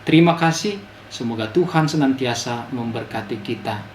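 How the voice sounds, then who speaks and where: Young friar, heartfelt testimony, roomy echo with a faint hiss. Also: male voice, medium pitch, normal speed. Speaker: Capuchin friar. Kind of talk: personal vocation testimony.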